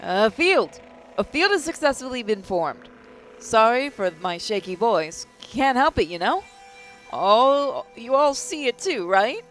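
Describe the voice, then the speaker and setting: A young woman voicing a nervous, excitable young female inventor, narrating in first person with a breathless, shaky voice. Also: mid-range voice, normal speed, faint music behind, natural voice. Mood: elated. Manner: breathless, voice shaking when excited.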